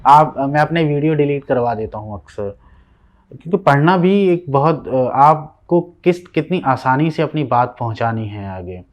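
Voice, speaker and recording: A man from Himachal Pradesh talks at an ordinary pitch, soft and unhurried, often pausing and hesitating in his interview answers. His voice sounds a little dull and muffled, as if the recording lacks crispness. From Himachal Pradesh, India. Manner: soft-spoken, hesitant, trails off and pauses often. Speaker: poet, interview guest.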